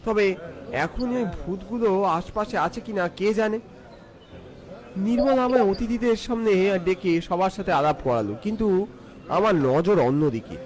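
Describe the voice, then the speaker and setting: A man's voice: high voice, a little slow, a little mellow. A man narrating a scripted first-person ghost story in a theatrical, suspenseful way.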